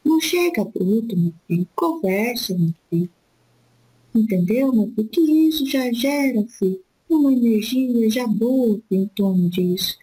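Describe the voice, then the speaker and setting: A woman speaking as an elderly spirit guide in a spiritist session, giving gentle fatherly counsel and calling the listener "my son" after nearly every phrase. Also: a little high, animated, breathy edge, low-quality recording. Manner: slow, repetitive, soothing advice.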